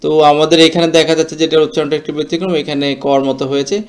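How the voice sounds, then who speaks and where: A man teaching English word pronunciation in a slow, explanatory way, mixing English words into his talk. English is not his first language; his first language is Bengali. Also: a little high, little pitch movement. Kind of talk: explanatory lesson.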